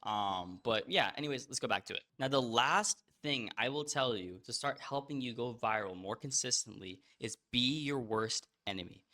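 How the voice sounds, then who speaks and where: A man's voice: medium pitch, pushed and bright. A young man giving blunt, slangy advice straight to camera as a social media coach. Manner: blunt, fast-talking, hustle-driven with casual slang. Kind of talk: direct-to-camera advice monologue.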